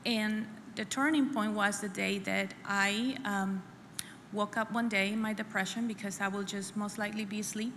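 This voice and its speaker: Her testimony comes out earnest and halting, with repeated phrases, as this middle-aged Salvadoran woman speaks to a church women's conference. The mid-range voice is a bit bright with fairly even intonation, and the echoey hall carries faint room noise.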